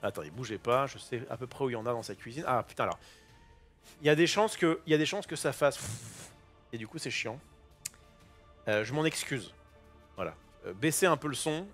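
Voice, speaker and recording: A man hosting a casual card-opening session in his kitchen, chatty and excitable, thinking aloud and using casual slang. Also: medium pitch, brisk, long pauses, faint music behind. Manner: self-interrupting, thinking aloud. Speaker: host opening trading card boosters. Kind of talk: casual unboxing commentary. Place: home kitchen.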